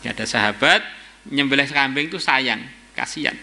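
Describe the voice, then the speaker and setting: A man preaching an Islamic study sermon, telling stories lively and exclaiming as he teaches. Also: medium pitch, moderate pace, vocal fry. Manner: storytelling preacher, voices quoted figures and exclaims. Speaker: kyai teaching a religious book. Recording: faint background noise and hum.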